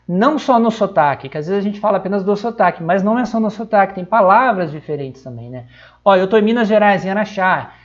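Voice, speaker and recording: A man's voice: sits high, animated, fast talker, muffled recording. Chatty São man teaching online. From São Paulo, Brazil. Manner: chatty, checks in constantly with tag questions. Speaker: English teacher. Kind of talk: live-streamed online lesson.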